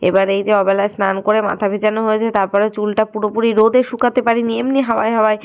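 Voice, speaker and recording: Fast-chatting Bengali woman with a cold. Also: medium pitch, level tone, clean tone, dull audio. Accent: West Bengal Bengali. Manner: rambling and chatty, often trailing into tired, quiet speech. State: has a cold, stuffy nose and heavy throat. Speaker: homemaker vlogger. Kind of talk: casual vlog monologue to viewers.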